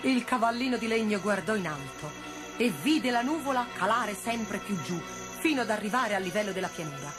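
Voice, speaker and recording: A woman reading a children's fairy tale aloud as a storyteller, in an expressive, animated way. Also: mid-range voice, moderate pace. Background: faint music.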